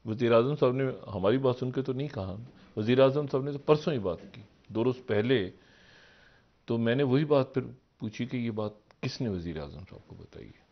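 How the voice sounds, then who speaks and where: A man's voice: normal speed, dull audio. Rambling man, TV political commentary. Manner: rambling, asks rhetorical questions, swings from low murmurs to raised emphatic peaks. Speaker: political analyst on a TV talk show. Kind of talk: live TV current-affairs commentary.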